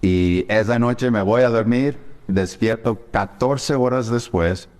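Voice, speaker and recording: A man's voice: on the low side, slow, darkish tone, big-room sound. A man, a pastor from the United States, telling his personal testimony in an earnest, emotional way.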